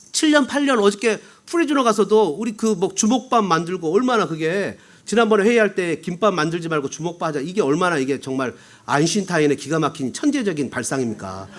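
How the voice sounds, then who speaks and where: Male pastor, high voice, very animated delivery; storytelling sermon, acts out the voices he quotes, humorous asides. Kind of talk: Sunday sermon. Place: church sanctuary.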